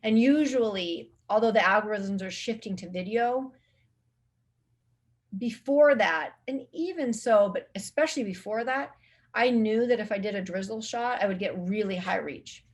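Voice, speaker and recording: Talking at a normal speed in a mid-range voice, this social media marketing specialist appears as a guest in a relaxed interview. Her answers wander, with frequent restarts and heavy use of fillers.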